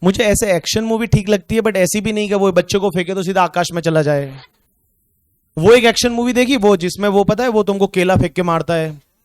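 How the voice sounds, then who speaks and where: A man with an Indian accent teaching an online tax class, chatting casually and joking, then slowly dictating questions. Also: high-pitched, clean tone, dry recording, clean studio sound.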